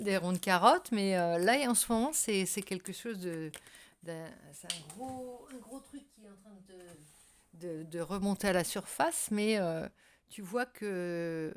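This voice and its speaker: A woman's voice: mid-range voice, animated, moderate pace. A woman hosting a casual tarot card reading for viewers, speaking hesitantly as she searches for her words. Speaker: tarot reader and channel host.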